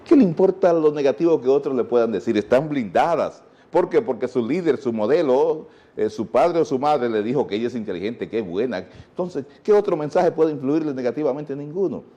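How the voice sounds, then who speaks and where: A Dominican man speaks as a guest teacher in a TV interview. His voice is mellow and dark, and the sound is dull and lo-fi. He lectures patiently and poses rhetorical questions. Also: mid-range voice, animated, a little fast, hardly any pauses. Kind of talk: TV interview, explaining.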